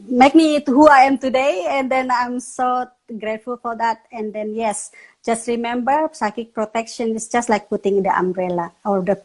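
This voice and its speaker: Laughing woman, highish voice. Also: fairly even intonation, moderate pace, darkish tone, poor audio. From Indonesia. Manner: non-native English with restarts, laughs often. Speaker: meditation instructor, guest. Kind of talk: casual online interview.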